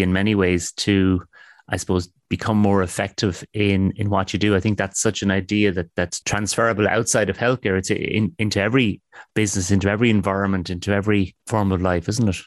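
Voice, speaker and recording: Low-pitched man hosting a podcast. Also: little pitch movement, brisk, no room sound. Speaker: podcast host, interviewer. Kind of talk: reflective conversational interview.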